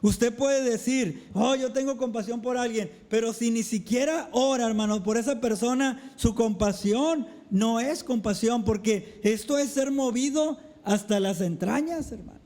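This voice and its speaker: High-voiced preacher, slow and emphatic. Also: male voice, dark tone. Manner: preaching with repeated address to the brethren; slow, emphatic delivery with dramatic drops. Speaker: pastor. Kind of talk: sermon. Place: church.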